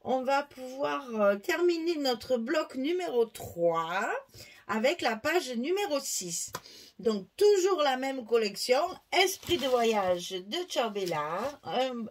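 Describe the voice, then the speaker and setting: A woman hosting a casual scrapbooking tutorial, chatty and lively as she explains her page. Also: high-pitched, a little hiss or hum.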